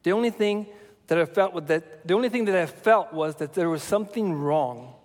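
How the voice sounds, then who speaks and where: A Salvadoran man in his forties shares a personal testimony with his church family, speaking in a reflective, measured way with lots of fillers. His voice is high-pitched, and a long reverb tail trails behind it.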